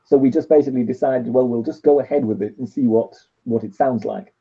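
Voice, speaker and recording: British male co-host, husky and hesitant, muffled like talking down a tube over a dull webcam call. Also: mid-range voice, warm tone. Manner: measured, hesitant, with many ums. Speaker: co-host of a live stream show. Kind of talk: casual live stream chat. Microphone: webcam mic picked up over a video call.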